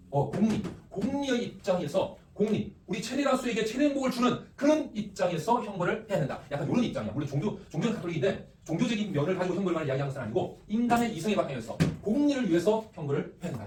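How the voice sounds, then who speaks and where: A man teaching an ethics class, lively, repeating phrases and quizzing his students. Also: high-pitched. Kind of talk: classroom lecture with questions to students. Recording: echoey room, distant mic, faint noise.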